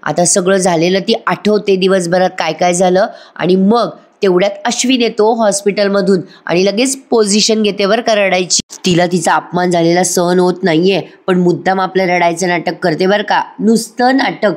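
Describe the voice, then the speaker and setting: A woman's voice: fairly low pitch, steady tone, moderate pace, few pauses. Woman reviewer, chatty and casual, addresses the audience. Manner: chatty, addresses viewers directly. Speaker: TV serial reviewer. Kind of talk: casual voice-over recap.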